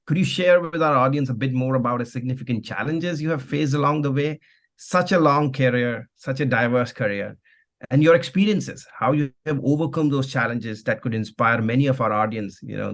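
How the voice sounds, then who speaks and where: A man co-hosting a podcast, reading a guest introduction and then asking long, rambling questions full of fillers. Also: mid-range voice. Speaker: podcast co-host. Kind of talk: podcast interviewing.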